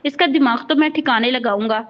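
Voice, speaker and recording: Curt and arrogant, a short-tempered young husband snaps his orders, read in a woman's high voice. The lines sound dull and lo-fi, like a cheap home recording of a storybook reading. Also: brisk, natural voice. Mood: curt scolding. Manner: curt, scolding.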